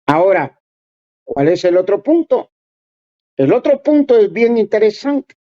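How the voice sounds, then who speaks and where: A preacher delivering a sermon at a slow, deliberate pace, urging the listeners directly. The voice sits in a middle pitch. The recording is muffled and lo-fi. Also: sing-song, dark tone. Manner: earnest, exhorting, addresses listeners directly. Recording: dull lo-fi recording.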